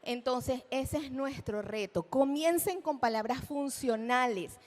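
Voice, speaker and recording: A woman giving a lecture at a live event, animated, asking the audience questions and acting out examples. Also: unhurried. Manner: acts out children's speech in a high voice. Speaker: speech therapist giving a talk. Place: event hall.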